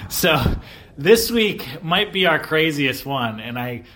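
A man co-hosting a podcast in casual chat, animated and often laughing, repeating his words as he goes. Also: a little high, takes it slowly, noisy background. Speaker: podcast co-host.

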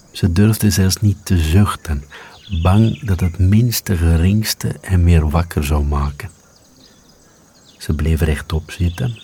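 A man calmly reading a storybook aloud as narrator. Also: sits low, slight background noise. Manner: calm, unhurried reading.

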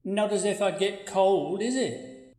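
A woman playing a sulky, deadpan ghost. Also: mid-range voice, slow. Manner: deadpan, curt and needling. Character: sulky, blunt ghost of a plain young woman. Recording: echoey, roomy sound.

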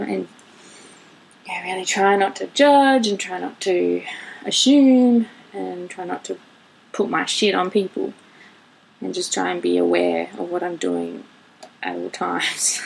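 A woman's voice: mid-range voice, creaky, husky, poor audio. A woman in her late twenties hosting her own podcast, talking candidly in a rambling way, laughing and swearing now and then. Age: 20s. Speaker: podcast host. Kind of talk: casual solo monologue.

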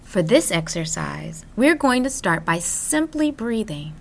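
A woman hosting a wellness podcast, guiding gently in a soft, soothing, measured voice. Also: medium pitch, big pitch swings, gravelly. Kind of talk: guided breathing and gentle self-care podcast narration. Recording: new-age music behind the voice.

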